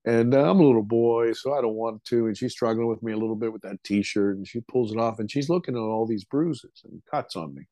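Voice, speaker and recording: A man's voice: medium pitch, brisk, hardly any pauses, warm tone, no room sound. A middle-aged man tells a story as a podcast guest, talking loosely and swearing freely as he relives it. His voice sits in an ordinary middle register. The recording is dry and close, with no room sound. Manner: casual, swears freely, vivid retelling of a childhood experience. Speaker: interview guest.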